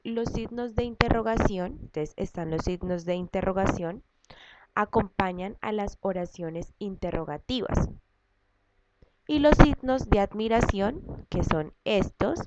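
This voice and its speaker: A woman teacher giving a recorded lesson, explaining step by step and repeating each point patiently. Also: lowish voice. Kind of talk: recorded class lesson for students. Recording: dull lo-fi audio with loud background noise and clicks.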